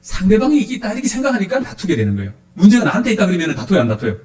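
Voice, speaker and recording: Man, pastor, quick sermon, questions to the flock, lively pitch, echoey church. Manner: animated, asks the congregation questions.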